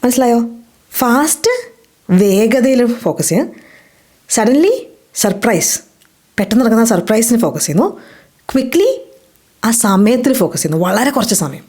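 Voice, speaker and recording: A woman with a Malayali accent teaching a spoken English lesson. She asks questions and answers them herself, and says the English example sentences slowly and clearly. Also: on the high side, lively intonation, darkish tone.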